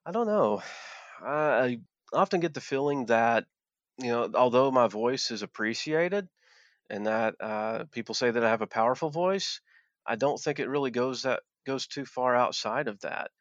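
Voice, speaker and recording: A former coal miner from southwest Virginia in Appalachia speaks earnestly as an interview guest, often restarting and repeating words. His medium-pitched voice has lively intonation, a moderate pace and a slightly bright tone. The recording is dry, dull and lo-fi.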